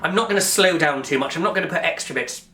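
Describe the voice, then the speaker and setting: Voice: medium pitch, fast talker. A singing teacher, coaching through a song with practical, encouraging asides. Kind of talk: vocal lesson with sung demonstrations. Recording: roomy echo with piano behind. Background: piano.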